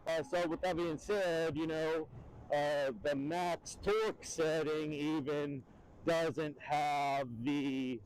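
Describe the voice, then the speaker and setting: A very deep, darkish, clear and resonant male voice speaks slowly with fairly even intonation. He's an e-bike vlogger doing a casual ride-along review outdoors, rambling with plenty of fillers, recorded on a wind-muffled helmet mic.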